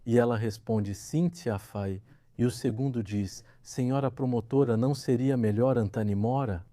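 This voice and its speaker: A man's voice: mid-range voice, fairly even intonation, normal speed, warm tone, no room sound. A man, a guest in an interview, recounts a personal story and acts out the quoted dialogue as he goes. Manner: vivid retelling, acting out quoted dialogue.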